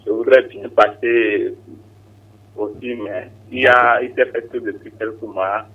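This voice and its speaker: A male caller on a phone line, polite and a little halting as he pays tribute. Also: on the low side, fairly even intonation. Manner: polite, apologetic, slightly halting. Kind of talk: call-in tribute. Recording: distant tinny phone line.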